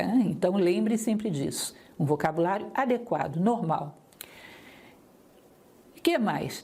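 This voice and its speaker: A woman lecturer teaching public speaking, talking straight to her listeners with lively, varied intonation. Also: medium pitch. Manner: didactic, lively intonation, addresses listeners directly.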